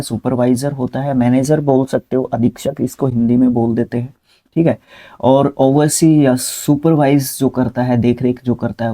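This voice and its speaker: A man's voice: medium pitch, creaky, dark tone. A man teaching English vocabulary in a casual spoken lesson, talking students through spellings, repeating words and correcting himself mid-word.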